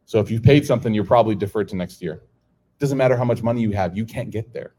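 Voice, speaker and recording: A middle-aged man with an American accent preaches casually to a live audience at a quick pace, his voice fairly low. He tells lively stories, acts out the dialogue and often laughs, with a little hiss or hum in the recording.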